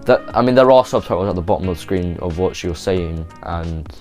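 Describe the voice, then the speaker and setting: A man's voice: low voice, fairly quick, darkish tone, faint music behind. A man narrating a YouTube video in a casual, rambling, offhand way, full of "like" and restarts. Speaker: YouTube host.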